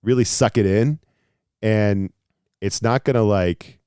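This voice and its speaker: A man's voice: fairly low pitch, slow pace, a little mellow, clear, resonant tone, no room sound, clean studio sound. A man co-hosting, chatting casually in a teasing, laid-back way. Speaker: co-host. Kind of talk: casual chat.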